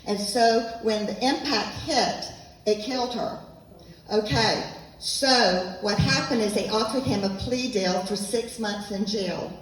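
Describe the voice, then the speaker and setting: A woman speaking at a measured pace in a medium-pitched voice talks earnestly and emphatically as an author at a local event, going over her points repeatedly. She holds a microphone but is occasionally off it. The recording is distant and echoey, with faint noise in the event room.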